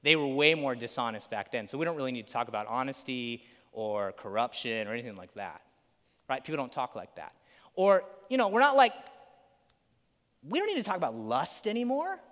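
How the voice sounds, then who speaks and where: A man's voice: mid-range voice, brisk. A man preaching a sermon in a casual, conversational way, peppered with "like" and "right?", acting out quotes. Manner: animated, acts out quotes. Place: church sanctuary. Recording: long church hall reverb.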